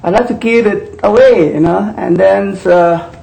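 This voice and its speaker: A man's voice: high-pitched, a little slow, creaky, dark tone, low-quality recording. A man in his sixties from northeast Thailand with a Thai accent, a yoga instructor talking as a guest in a casual interview, rambling with restarts and repeated words. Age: 60s.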